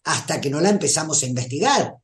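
A woman's voice: sits low, expressive, fast talker. A woman with a Rioplatense Spanish accent, giving a casual spiritual self-growth talk and often asking the listener questions. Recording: echoey room.

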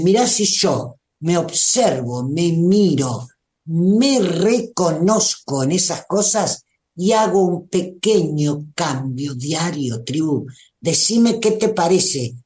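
Argentine woman host, unhurried motivational speaker, roomy recording. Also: fairly low pitch, animated, a little mellow. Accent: Argentine Spanish. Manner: unhurried, coaxing, often asks "¿se entiende?". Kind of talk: motivational talk to a live audience. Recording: roomy echo.

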